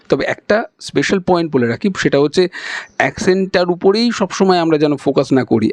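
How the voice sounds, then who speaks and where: A man with a Bengali accent, teaching English pronunciation in a spoken lesson and demonstrating sounds slowly and patiently. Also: a little high, no room sound.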